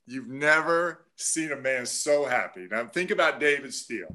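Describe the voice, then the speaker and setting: A man, a team broadcaster, telling a travel story in an animated, casual way. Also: medium pitch, moderate pace. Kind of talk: casual podcast chat.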